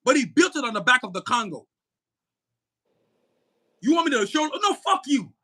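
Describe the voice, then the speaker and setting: A man's voice: extremely high pitch, very animated, moderate pace, breathy edge. A man on a podcast ranting angrily about politics, cursing and emphatic. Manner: angry, cursing, emphatic, shouting at times. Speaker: podcast co-host. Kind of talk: heated political podcast rant.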